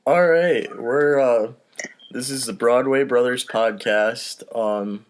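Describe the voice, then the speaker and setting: A man with a clear, resonant mid-range voice speaks slowly as a podcast host and narrator. His chat is casual, rambling, and self-deprecating, with some swearing, and it's recorded on a home mic over an online voice call.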